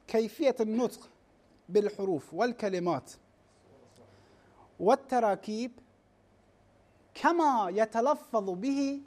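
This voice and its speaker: Here a teacher lectures a class in a medium-pitched, darkish voice, regularly asking rhetorical questions and checking in with "ha?" The pace is halting, with restarts on words and lists of terms spelled out slowly.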